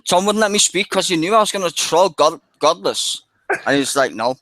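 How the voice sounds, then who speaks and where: A man's voice: high-pitched, lively intonation, fairly quick, a bit bright, dry recording. A man chatting casually on an online video hangout, rambling, swearing freely and laughing often.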